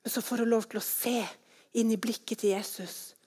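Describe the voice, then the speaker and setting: Brief: high-voiced woman, children's Bible storyteller, lively and expressive. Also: slightly rough. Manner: lively, animated, shifting to hushed whispers.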